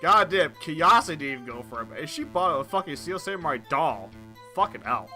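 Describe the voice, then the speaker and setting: Crude, joking male game commentator; bright, lively delivery. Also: on the high side, normal speed, faint music behind. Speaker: gameplay commentator. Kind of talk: casual let's-play commentary.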